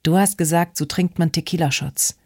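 A reader voicing a frightened, drunk seventeen-year-old girl in an audiobook, speaking quietly. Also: mid-range voice, moderate pace, slightly rough, no echo, clean studio sound. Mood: upset.

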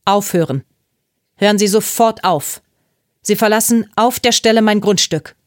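A woman's voice: medium pitch, normal speed, no echo, studio quality, voice pushed up, close to an everyday voice. A woman voicing a stern grown woman who gives firm, angry orders in an audiobook. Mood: commanding. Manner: firm, commanding, trembling with anger. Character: stern adult woman homeowner, commanding. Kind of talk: audiobook character voice.

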